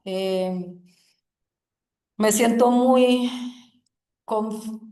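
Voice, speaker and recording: A woman teaching a yoga group in a gentle, reflective way, often checking in with the listeners. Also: medium pitch. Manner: slow, soothing, asks "¿sí?" often. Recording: roomy echoing room.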